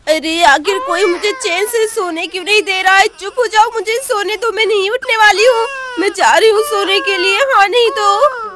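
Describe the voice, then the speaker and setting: A woman's voice: very high-pitched, normal speed, noisy background. A woman voicing a sleepy, grumpy young woman who whines and complains. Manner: whiny, complaining.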